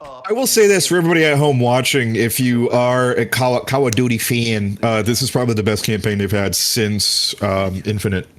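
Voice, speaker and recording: A man's voice: medium pitch, moderate pace. A man co-hosting a casual game stream, joking and riffing with profane asides. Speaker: stream co-host. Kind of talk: casual gaming stream chat.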